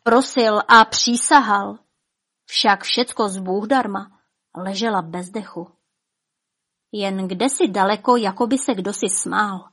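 A woman narrating a fairy tale in a rhythmic, dramatic way, with soft drops in her voice. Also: mid-range voice, slightly rough. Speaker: storyteller. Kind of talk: expressive fairy-tale reading.

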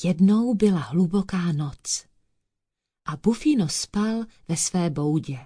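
A woman's voice: lowish voice, lively intonation, dark tone, slightly rough, no echo, clean studio sound. Woman reading a fairy tale to children. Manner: addresses listeners as children. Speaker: storyteller.

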